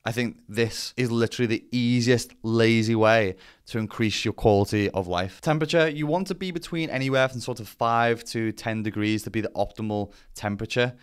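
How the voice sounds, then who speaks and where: A man's voice: mid-range voice, brisk, smooth. A man giving a casual explainer as a vlogger, talking bluntly with some swearing and self-deprecation. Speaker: vlogger presenting to camera.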